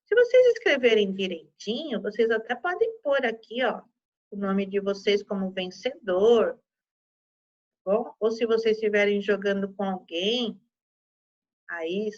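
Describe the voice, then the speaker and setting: A Brazilian woman teaching a young class, sounding out words slowly syllable by syllable and checking in often with her pupils. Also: medium pitch, lively intonation. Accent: Brazilian Portuguese. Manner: slow, exaggerated syllable-by-syllable pronunciation with frequent "tá?". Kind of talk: primary school lesson video. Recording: slightly dull lo-fi recording.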